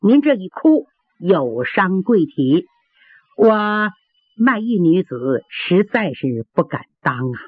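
A humble young woman street singer speaks with deference and careful politeness, as a woman storyteller puts her on. Her voice is husky and lively in pitch, recorded dry and tinny. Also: slow, no room sound, heavily acted. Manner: deferential, polite, self-lowering. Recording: dry, tinny phone-like sound.

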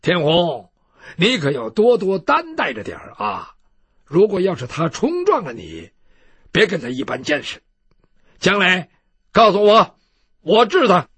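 A man voicing an older father who gently scolds his daughter as he takes his leave. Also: high voice, wildly swooping pitch, a little slow, pauses often, husky, no echo, full character voice. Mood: fatherly. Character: stern but fond older father taking leave.

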